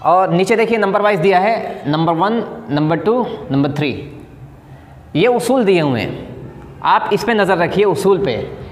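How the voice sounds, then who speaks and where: एक पुरुष शिक्षक बोर्ड पर सबक समझाते हुए, धीरे-धीरे और हर मिसाल के शब्द को कई बार दोहराते हुए।. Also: male voice, high voice, animated. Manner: slow, repeats example words several times. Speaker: English teacher. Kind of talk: classroom lesson at a board. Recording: echoey room with long reverb.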